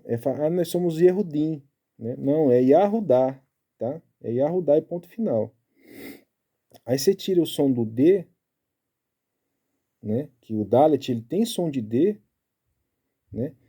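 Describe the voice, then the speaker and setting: Guy teaching scripture casually, dark warm tone, walks you through it bit by bit. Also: medium pitch, animated, unhurried, long pauses, breathy edge. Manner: chatty, keeps tagging lines with "né?"; explaining Hebrew letters and pronunciation step by step. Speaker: Bible study teacher. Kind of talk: casual Bible study talk.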